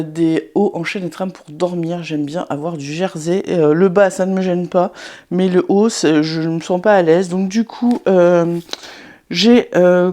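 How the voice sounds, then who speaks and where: A woman's voice: mid-range voice, mellow. Woman vlogger with a sick, sore-throat voice. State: sick with tonsillitis, sore throat, strained swollen-throat voice. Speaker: sewing vlogger and online haberdashery owner. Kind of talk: casual vlog chat to viewers.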